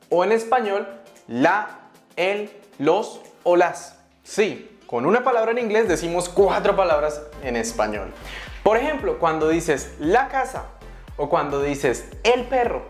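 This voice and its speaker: Low-voiced lady teaching english, jumps up on questions, echoey room with soft music behind. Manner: lively, bursts up high on questions and calls to attention; slows down to spell out English example words. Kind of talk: video English lesson for Spanish speakers. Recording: roomy sound with soft background music.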